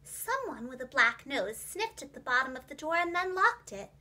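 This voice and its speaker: Female children's storyteller: high, bright voice, expressive and clearly enunciated, scripted storybook narration. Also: moderate pace. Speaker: preschool teacher and children's storyteller.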